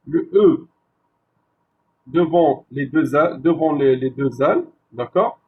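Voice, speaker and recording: A male university lecturer giving a classroom lecture, slow and repetitive, checking with his listeners after each point. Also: on the high side, narrow, tinny audio. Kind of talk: classroom lecture on French spelling.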